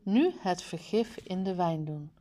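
A woman reading the lines of Aladdin, a determined young hero, slowly and plainly from a storybook. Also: lowish voice, animated, dark tone. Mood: scheming. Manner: slow, plainly read dialogue.

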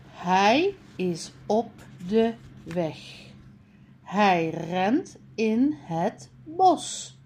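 A woman reading a beginner reading lesson aloud, sounding out each word clearly with pauses between them. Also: medium pitch. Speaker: reading teacher.

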